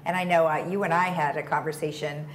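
Woman host, low voice, chatty studio interviewer, faint hiss. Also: fairly even intonation. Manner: chatty, laughs along, quick follow-up questions. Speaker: talk show host. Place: TV studio set.

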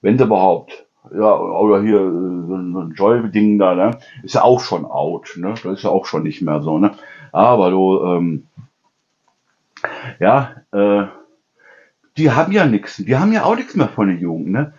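A man's voice: deep voice, lively intonation, normal speed, a little mellow. Chatty middle-aged man, lo-fi. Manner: chatty storyteller, constant "ne?" tags, mimics people. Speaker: cooking channel host. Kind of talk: casual rambling chat. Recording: dull lo-fi sound.

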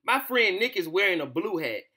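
In a small room at home, a young American man reads bedtime stories aloud for children and chats with them casually, using slang and a familiar tone. He speaks at normal speed in a slightly high, sing-song voice that sounds pushed and bright. A distant camera microphone gives the recording an echoey, roomy quality.

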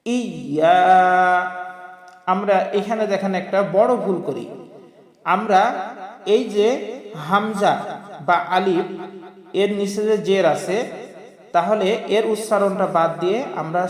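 A man teaching Quran recitation, explaining pronunciation patiently and drawing out each word slowly as he recites. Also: sits high. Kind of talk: pronunciation lesson. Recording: echoey room with long reverb.

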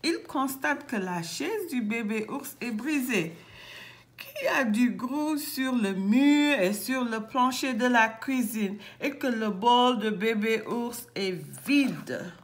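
Slow, expressive woman teacher reading aloud. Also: on the high side. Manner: slow, expressive with stops and self-corrections. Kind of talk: reading a picture book aloud.

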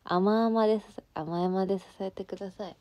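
Reading fan comments on her livestream, this young Fukuoka idol giggles and rambles with plenty of fillers in her Hakata dialect. Her mid-range voice is steady and moves at a normal speed. The recording has no echo but sounds muffled.

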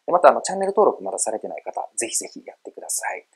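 Calling himself an old guy, a middle-aged man runs a relaxed video lesson on English pronunciation, explaining warmly and exaggerating the emphasis on words as he demonstrates. He speaks rapid-fire in a sing-song, slightly rough mid-range voice, captured with poor audio.

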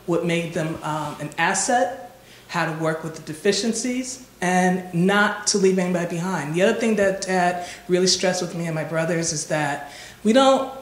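A woman speaking on a panel discussion, thoughtful and searching for her words. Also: fairly low pitch. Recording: echoey hall with faint ambience.

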